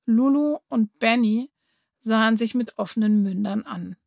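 A woman narrating a children's audiobook in a lively storytelling manner on a close studio mic. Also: on the high side, unhurried, vocal fry, dry recording.

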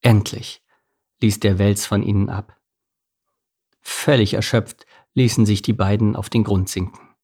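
A man narrating a children's story in a gentle, steady read-aloud manner. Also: on the low side, measured pace, long pauses, breathy edge.

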